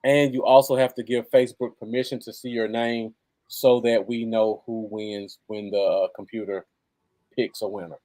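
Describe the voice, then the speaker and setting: A man's voice: on the low side, level tone, normal speed, mellow. An American man chatting casually as co-host of a live football fan show. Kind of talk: casual live sports chat.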